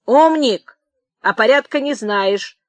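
Bossy rural clerk, man, curt and loud, read by a woman. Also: fairly high pitch, animated, slow, dry recording, voice pushed up. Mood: commanding. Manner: barking, curt. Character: stern village clerk, man, commanding.

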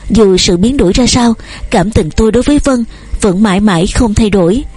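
A woman's voice: on the high side, lively intonation, a little fast, warm tone, slightly rough. A woman voicing an earnest, devoted young man who courts eagerly and speaks at length.

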